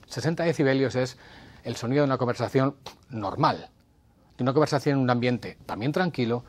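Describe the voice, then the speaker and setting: Male TV presenter, husky mid voice, explains to camera and demonstrates loudness himself. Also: medium pitch. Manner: demonstrative, shifts from whispers to raised voice. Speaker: TV health segment presenter.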